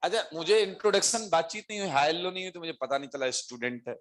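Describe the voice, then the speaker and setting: Male teacher telling a funny story in class, acts out voices, pretty high voice. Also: fast talker. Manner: animated, laughing, acts out voices in anecdotes. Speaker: chemistry teacher. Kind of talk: storytelling lecture to students.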